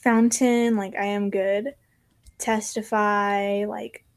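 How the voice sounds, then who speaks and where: A young woman guest on a podcast, talking casually and softly, filling her speech with "like". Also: medium pitch, flat delivery, slow. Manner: soft-spoken, heavy use of "like".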